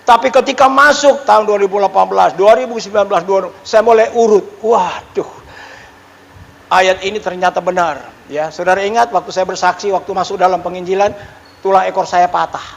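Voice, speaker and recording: A middle-aged male pastor preaching a sermon and telling a personal testimony in an animated, exclamatory way, dropping suddenly into quiet asides. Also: high voice, fairly quick, gravelly. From Indonesia. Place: church hall. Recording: reverberant church hall.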